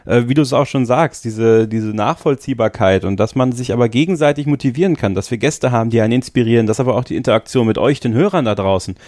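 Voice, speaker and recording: In a casual podcast chat, a male co-host talks with enthusiasm and gratitude, using lots of fillers and hesitations. His medium-pitched, slightly mellow voice moves quickly with few pauses, recorded at studio quality with no room sound.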